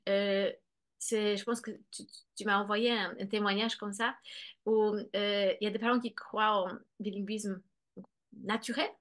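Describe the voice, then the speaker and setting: Her delivery flat and measured, a mid-range-voiced woman serves as a guest expert on bilingual children in a conversation. She stumbles through fillers and restarts while playing out lines that children and parents might say.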